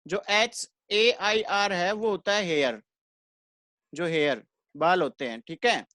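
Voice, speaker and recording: A man teaches English grammar in an online class, keeping the pace even and repeating each rule. He asks the students a question and then answers it himself. The recording is dry and close. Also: sits high, takes it slowly, dry recording.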